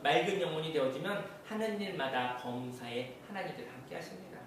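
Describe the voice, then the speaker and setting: A male pastor preaching earnestly, asking rhetorical questions and acting out short quotes. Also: on the high side. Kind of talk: sermon. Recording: echoey room, voice from a distance, faint hiss.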